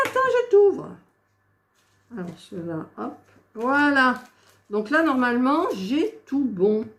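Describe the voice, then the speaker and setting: A woman narrates her own craft work in a slow, unhurried way, muttering as she searches for missing pieces. Her voice rings in an echoey room with a faint hiss behind it. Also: medium pitch. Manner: talks to herself while searching, exasperated asides. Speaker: crafting vlogger. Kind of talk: casual crafting chatter.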